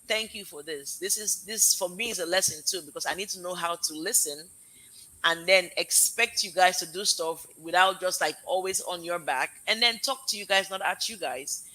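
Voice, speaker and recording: A woman hosts a casual live stream, pouring out effusive, heartfelt, rambling thanks to her guests and audience. She is a parent, and her Nigerian accent is mixed with American tones. Her voice sits on the low side at a moderate pace, sounding pushed and bright on a rough recording.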